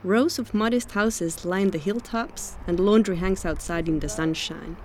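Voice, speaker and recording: A woman from Finland reading a scripted documentary narration as a reporter, calm and measured. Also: mid-range voice, slight background noise.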